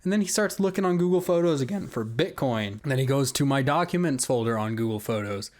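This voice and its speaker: A man's voice: mid-range voice, lively intonation, fast, a little mellow. Man, casual explanatory commentary, conversational phrasing, video creator walkthrough. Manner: conversational, explanatory, often checking with "right?". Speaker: video creator walking through an account hack. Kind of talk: casual screen-recording commentary.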